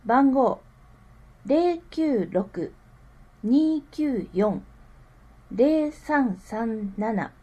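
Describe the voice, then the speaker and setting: High-voiced woman reading notices, mellow tone. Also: lively intonation, breathy edge. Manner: careful enunciation, digits read out slowly one group at a time. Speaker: reader of a town newsletter. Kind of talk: scripted informational read-aloud.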